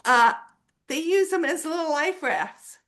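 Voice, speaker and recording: A woman on a video call giving a jokey, animated answer at a club meeting. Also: high voice, a little slow. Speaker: club member answering a question.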